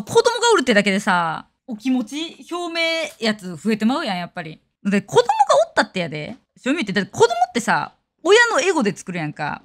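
A fast-talking woman in her thirties with a Kansai accent, ranting bluntly and scornfully in casual stream chat. Her pitch leaps about in lively swings as she talks through a desk microphone. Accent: Kansai Japanese. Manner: blunt, scornful, animated rants.

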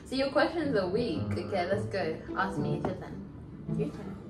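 A woman's voice: mid-range voice, animated, distant mic, over loud music. A young woman, a guest in a vlog, answering dares with sassy comebacks. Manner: sassy, laughing, quick comebacks. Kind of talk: casual chat during a drinking-game dare. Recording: echoey room, off-mic, loud background noise.

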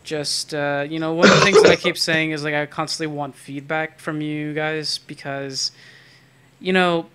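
A man's voice: on the high side, steady tone, normal speed, a crowd in the background. A man hosting a casual podcast, hesitant and trying to keep the talk on track. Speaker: podcast host. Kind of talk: casual chat.

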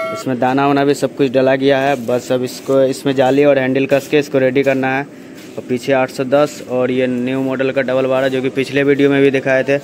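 A young man talks into a phone held at arm's length as he walks through a large warehouse. His delivery is steady and salesman-like, and his voice stays almost completely flat, with very little rise or fall. A faint hum of background noise sits under his speech. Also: mid-range voice. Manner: steady salesman-like patter, repeats "dekhiye" and "dosto". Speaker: vlogger showing a speaker cabinet factory. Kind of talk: casual vlog walkthrough. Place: large warehouse, partly outdoors.

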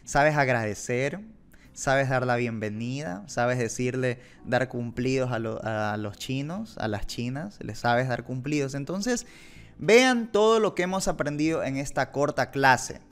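A man's voice: medium pitch, measured pace, clear, resonant tone. A young man teaching a beginners' language lesson, patiently repeating words and asking learners questions. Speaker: Mandarin teacher.

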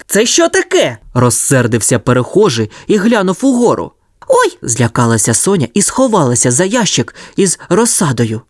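A storyteller reading a children's audio tale with a lively, expressive voice that swings widely up and down. Mid pitch. Dry, close recording with no room sound. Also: no room sound.

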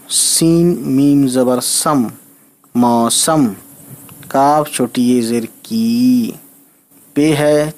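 A man's voice: medium pitch, darkish tone. A man teaching an Urdu reading lesson, spelling out letters and vowel marks one by one and often checking in with the learner.

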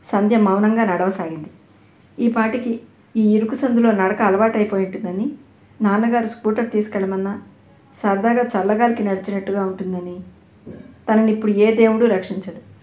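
A woman reading a novel aloud in steady storytelling style, giving light voices to the dialogue. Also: mid-range voice, moderate pace, roomy sound, low-quality recording. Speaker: audiobook narrator. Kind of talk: Telugu audio novel reading, voicing all characters.

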